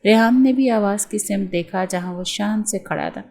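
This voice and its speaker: A woman reads a romance novel aloud at a medium pitch, staying steady and even as she takes every part herself. Her delivery is scripted storytelling. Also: normal speed. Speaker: novel narrator. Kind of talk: scripted narration of a romance novel with acted dialogue.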